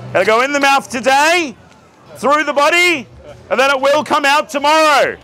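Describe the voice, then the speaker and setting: A man's voice: extremely high pitch, expressive, moderate pace, pushed and bright. An Australian man in his thirties performing as a theatrical street magician, projecting and joking to an outdoor crowd. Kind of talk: live street magic show patter to a crowd. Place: outdoor night street market with onlookers. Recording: outdoor camera, crowd and music behind.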